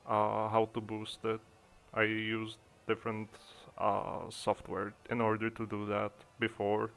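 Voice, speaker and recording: Slow, gravelly man with a Czech accent. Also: fairly low pitch, fairly bright tone. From Czech Republic. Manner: hesitant, thinking aloud with many fillers. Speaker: streamer. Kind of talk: casual livestream chat. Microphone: desk microphone being adjusted in streaming software.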